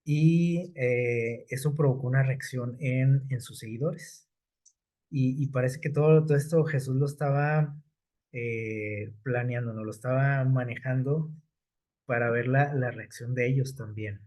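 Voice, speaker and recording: Male preacher, mid-pitched, unhurried sermon delivery with frequent fillers. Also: a little mellow. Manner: unhurried, many fillers and checking questions.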